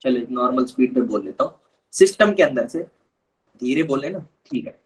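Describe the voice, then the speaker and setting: A man's voice: mid-range voice, lively intonation, moderate pace, husky, poor audio. A man teaching a live online chemistry lesson, patiently explaining step by step and calling his students kids.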